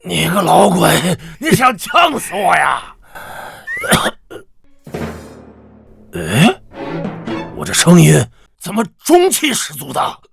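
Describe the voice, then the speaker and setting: An actor playing a gruff, excitable older rich man who talks loud and blunt, with a gravelly, husky voice. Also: high voice, very slow, long pauses, no echo, soft background music, full character voice.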